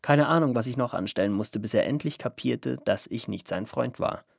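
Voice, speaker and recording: A man narrating a first-person story in a calm, even storytelling manner. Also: mid-range voice, moderate pace, vocal fry, no echo, clean studio sound. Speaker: audiobook narrator.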